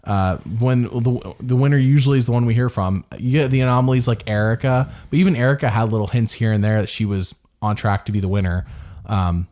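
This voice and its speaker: A podcast co-host chats casually about a reality show, rambling, restarting his sentences and laughing often. His voice is medium in pitch, brisk and slightly mellow.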